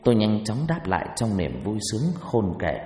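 Male storyteller, mid pitch, lively dramatic narration, echoey room, faint music bed. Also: moderate pace. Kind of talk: scripted first-person ghost story narration.

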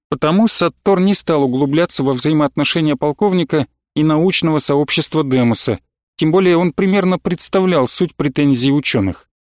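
A man reading an audiobook in a steady, scripted storytelling delivery. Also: a little high, dry recording, clean studio sound. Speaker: audiobook narrator. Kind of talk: scripted narration.

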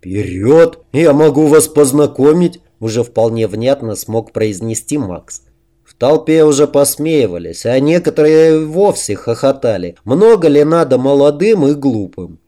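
A man narrating a novel aloud in a measured, even reading. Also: mid-range voice. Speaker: audiobook narrator. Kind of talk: scripted narration.

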